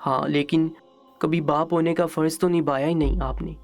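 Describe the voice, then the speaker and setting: A man's voice: on the high side, steady tone, soft background music, lightly acted. A man doing a tearful young daughter. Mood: hurt pleading. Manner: pained, pleading.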